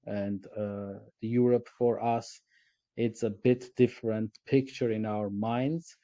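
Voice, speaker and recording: A man from Armenia, a company CEO speaking as a guest in a relaxed, reflective interview, with frequent fillers. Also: lowish voice, slow, no room sound, dull audio. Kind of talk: casual interview conversation.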